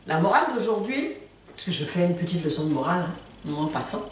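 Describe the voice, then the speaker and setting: A woman's voice: on the low side, very animated, quick pace, slight background noise. A woman teaching a language lesson in a playful way, repeating each word for her learners. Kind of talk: casual video lesson. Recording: very echoey room, far from mic.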